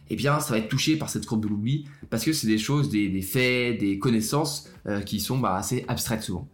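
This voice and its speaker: A young man hosting a casual student podcast, talking straight to the listener in a chatty way, often restarting his sentences. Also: lowish voice. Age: young adult. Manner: chatty, speaks directly to the listener, hesitant restarts. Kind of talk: casual solo podcast talk. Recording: roomy echo with faint music.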